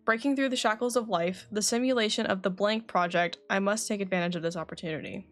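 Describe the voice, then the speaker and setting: A woman streams a game, reading its dialogue aloud and adding casual commentary, correcting herself as she reads. Her medium-pitched voice moves fast, with faint music in the background.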